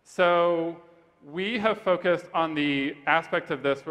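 A man pitching his startup on stage, then answering judges' questions in a steady, rehearsed way. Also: slow pace, dull audio. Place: large event hall stage. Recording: reverberant conference hall.

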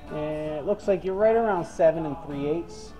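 Male retail clerk, explainer type, filler-heavy, in-store phone camera with clear background music. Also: on the high side, normal speed, poor audio. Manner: chatty, explains with many fillers. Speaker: hat store salesperson. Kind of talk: casual in-store advice. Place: large western wear store, indoors. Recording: store music playing behind.

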